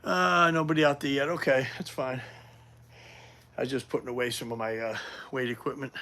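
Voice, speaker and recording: A man chats loosely on a live stream, greeting viewers as they show up. His voice is bright and forward, and he rambles with frequent fillers. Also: mid-range voice, slight background noise. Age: 50s. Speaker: livestream host. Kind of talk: casual live stream chat. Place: home gym.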